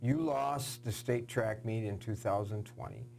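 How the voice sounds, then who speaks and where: A man hosting a TV sports interview, asking earnest questions with halting fillers. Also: fairly low pitch, creaky, darkish tone, slight background noise. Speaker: sports show host.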